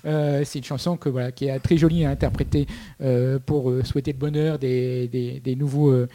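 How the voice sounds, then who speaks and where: A man's voice: medium pitch, steady tone, normal speed, warm tone. A man co-hosting a casual podcast, presenting his segment with many fillers and restarts. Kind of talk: casual chat.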